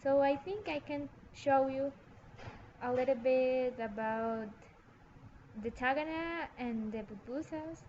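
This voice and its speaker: A woman from El Salvador, giving a prepared class presentation in careful learner's English with halting phrasing. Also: sits high, a little mellow, slight background noise. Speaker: student presenter. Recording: dull lo-fi recording.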